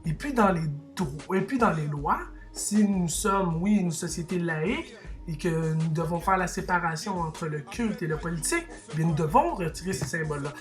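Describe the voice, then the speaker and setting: A man's voice: a little high, lively intonation, moderate pace, faint music behind. A man from Quebec with a Québécois French accent, delivering a heated opinion rant to viewers, arguing and restarting sentences as he goes. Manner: impassioned, argumentative, full of restarts and asides. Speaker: vlogger.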